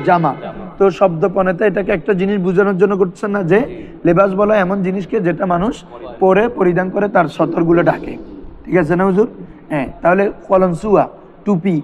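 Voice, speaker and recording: A madrasa teacher with a high voice gives a classroom grammar lesson, questioning his students and repeating terms for them to answer. The recording sounds lo-fi.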